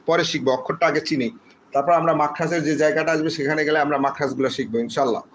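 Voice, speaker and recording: Man, patient letter drills, slightly high voice, faint background noise. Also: rough recording. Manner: patient, repeats letters for listeners to say along. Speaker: Quran reading teacher. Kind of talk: slow step-by-step lesson with drilled letter names.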